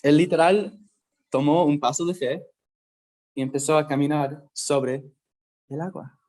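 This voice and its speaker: Guy teaching a bible lesson, kinda high voice, takes his time, keeps asking the kids if they follow. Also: fairly even intonation, a little mellow. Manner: slow, conversational, checks in with listeners often.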